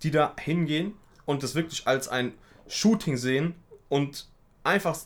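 A young man in a casual chat, insistent and talking in quick bursts to hold the floor. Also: fairly high pitch.

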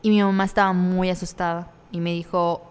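A woman's voice: lowish voice, little pitch movement, brisk, clean tone, big-room sound. A young adult woman with a Mexican accent, co-hosting a podcast and telling a personal story in candid, slangy, casual talk, often laughing as she speaks. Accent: Mexican Spanish. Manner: candid, laughs through hard memories, slangy.

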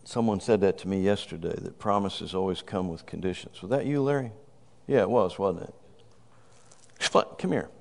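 A deep, creaky voice at a moderate pace belongs to a preacher in his fifties. Exuberant, he calls out praise and shouts "woo" during a sermon with a congregant, and the hall around him is reverberant.

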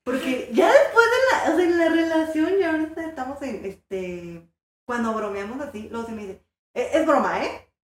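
A young woman with a Mexican accent, an animated storyteller who acts out the voices in her story. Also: sits high, normal speed, very echoey. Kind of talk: casual chat.

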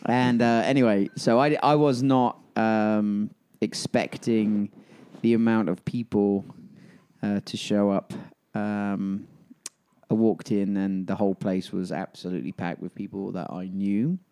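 A man's voice: on the low side, steady tone, a little slow, dark tone, smooth. A man in his fifties with an Alabama Southern accent, chatting casually on a podcast. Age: 50s. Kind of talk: casual chat.

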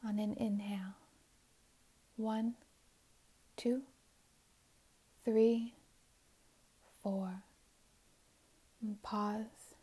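A woman guiding a meditation in a soft, soothing voice, often drifting into whispers. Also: mid-range voice, little pitch movement, very slow, pauses often, slightly rough, poor audio. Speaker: meditation guide. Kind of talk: guided meditation narration.

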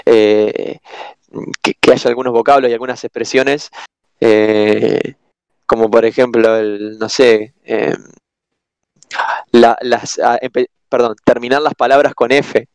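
A man with an Argentine accent, a guest in a casual conversation, talking hesitantly with many pauses and restarts. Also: medium pitch, steady tone. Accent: Argentine Spanish.

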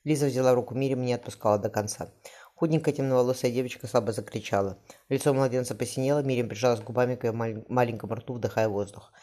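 Fast dark-voiced man reading an audiobook. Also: mid-range voice. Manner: fast, even reading with small slips. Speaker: audiobook narrator. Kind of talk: audiobook reading of a historical novel.

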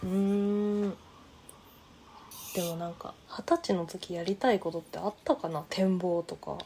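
Relaxed chatty woman host. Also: lowish voice, measured pace, a little hiss or hum. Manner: relaxed, laughs often. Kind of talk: casual chat.

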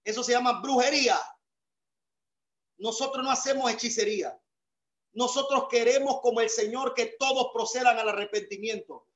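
Very high-voiced male pastor preaching. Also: moderate pace, muffled recording. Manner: emphatic preaching that swells into shouts. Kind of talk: sermon. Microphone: video call.

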